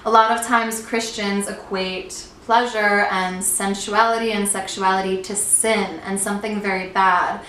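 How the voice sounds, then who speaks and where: A woman hosting a casual chat with a friend at home, chatty and quick to laugh. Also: medium pitch, a bit bright, roomy sound, slight background noise, poor audio. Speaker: host.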